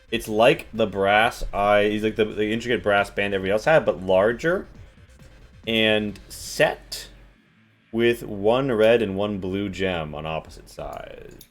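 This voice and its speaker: Low-voiced, unhurried male game master. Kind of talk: improvised tabletop game narration.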